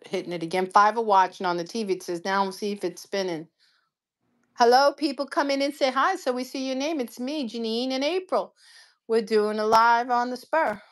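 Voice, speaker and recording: A woman's voice: medium pitch, moderate pace. A woman in her fifties hosting a casual live stream from her living room, chatty and blunt, talking into a phone at arm's length. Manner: chatty, blunt, laughs easily. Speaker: cooking channel host. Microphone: phone held at arm's length.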